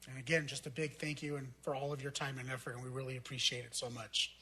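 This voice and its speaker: A man serving as mayor, chairing a city council meeting and thanking volunteers, pausing with fillers as he calls on members. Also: medium pitch, level tone, bright, forceful tone, slight background noise.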